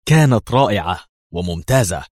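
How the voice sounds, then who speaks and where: Man reading a cocky young agent, mutters, husky low voice. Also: lively intonation, fairly quick, a little mellow, no room sound, studio quality. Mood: cheerful. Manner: cheerful, muttering. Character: boastful young male agent, secretly lovestruck.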